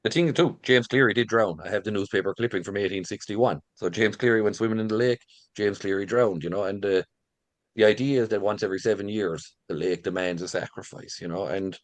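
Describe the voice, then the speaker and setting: Irish man, middle-aged, deep voice, lilting informal storyteller delivery, very dry sound. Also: a little fast, no room sound. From rural Ireland. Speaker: visitor centre manager and local folklore storyteller.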